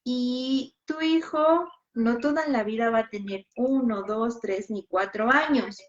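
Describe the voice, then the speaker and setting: High-voiced woman giving parenting advice. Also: takes it slowly. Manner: direct, animated, playfully acts out scenes. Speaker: host. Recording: dull lo-fi sound.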